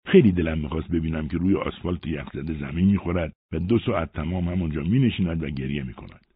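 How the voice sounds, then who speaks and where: A man narrating a first-person story aloud with an expressive storytelling delivery. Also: low-pitched, husky, dry recording. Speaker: audiobook narrator. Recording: dry, phone-like narrow sound.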